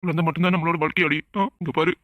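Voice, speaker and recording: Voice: medium pitch, flat delivery, very fast, no room sound, phone-quality sound, lightly acted. A performer voicing a loving young husband who tenderly comforts his wife in a cartoon drama. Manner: tender, reassuring.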